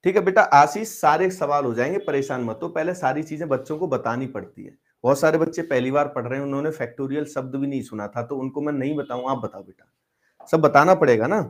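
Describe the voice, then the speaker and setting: A man's voice: medium pitch, quick pace. A man teaching a live online math class, coaxing and quizzing his students as he explains. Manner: coaxing, quizzing students, switching between Hindi and English terms.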